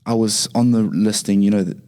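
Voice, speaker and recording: A young man from Zimbabwe with a Zimbabwean accent, chatting relaxed as a podcast guest, with many fillers and restarts. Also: lowish voice, brisk. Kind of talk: casual interview talk.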